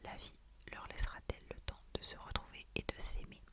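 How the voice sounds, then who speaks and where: A woman doing ASMR in a soft, breathy library whisper, talking about books and reading out blurbs. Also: a little fast. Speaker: ASMR creator.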